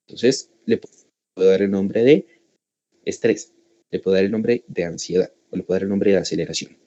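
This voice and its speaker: A man's voice: lowish voice, darkish tone. A man with a Colombian Spanish accent giving a workshop talk to parents, explaining step by step and often checking in with "¿cierto?" and "¿sí?". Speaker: school family workshop speaker.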